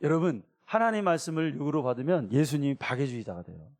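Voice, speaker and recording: A man's voice: a little high, quick pace. Middle-aged pastor man giving a sermon, voice goes up and down a lot, does little voices for quotes. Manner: acts out everyday quotes in lively voices.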